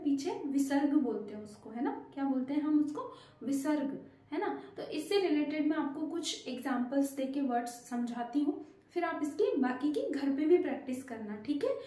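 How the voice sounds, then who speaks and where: A woman with a high-sitting but dark-toned voice teaches Hindi to children, patiently asking them questions and praising them. The room is very echoey.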